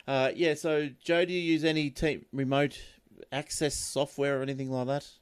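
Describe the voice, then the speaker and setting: A man's voice: fairly high pitch, level tone, normal speed, smooth. Easygoing Australian man chatting. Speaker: host of a tech talk show. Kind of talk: casual unscripted chat.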